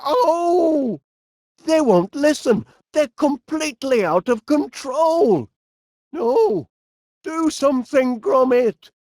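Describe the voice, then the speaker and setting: A male actor with a Northern English accent playing Wallace, a cheery, bumbling middle-aged inventor who is hesitant and easily flustered, in an animated comedy game. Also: very high voice, takes it slowly, no echo, studio quality, exaggerated voice. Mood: alarmed. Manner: hesitant, stammering, genial.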